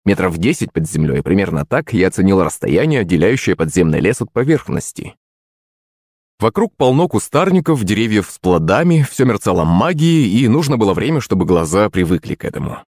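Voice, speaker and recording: Low-voiced guy reading a fantasy audiobook, very lively pitch, super dry sound. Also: brisk, dry recording. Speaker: audiobook narrator. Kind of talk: scripted fantasy narration.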